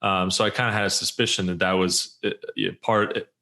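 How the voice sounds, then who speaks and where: A man's voice: sits low, level tone, fairly quick, vocal fry, pushed and bright. A man hosting a podcast interview, asking rambling, hesitant questions. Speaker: podcast host.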